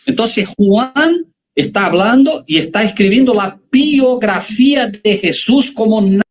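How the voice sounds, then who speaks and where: Lively preacher with tinged speech. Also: mid-range voice, a little slow. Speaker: preacher in a quoted clip. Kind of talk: sermon.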